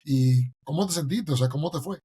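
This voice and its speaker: A man's voice: a little high, a little fast, dark tone, breathy edge. A man hosts a casual interview, informally rewording his questions as he goes. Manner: informal, rephrases questions several times. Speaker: interview host.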